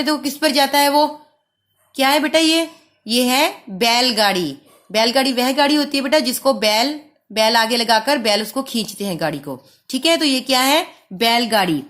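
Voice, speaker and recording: Woman, primary school teacher, high voice, patient, syllable-by-syllable lesson for kids. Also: a bit bright. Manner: patient, sounds out syllables slowly, calls pupils "beta". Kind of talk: online class lesson for young children.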